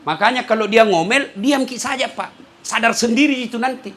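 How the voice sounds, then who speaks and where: A man's voice: very high-pitched, normal speed, a bit bright. A middle-aged man preaching a humorous sermon in an Indonesian Makassar accent, chuckling often and speaking straight to his listeners. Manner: joking, chuckling, addresses the audience directly. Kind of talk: humorous sermon to a live audience.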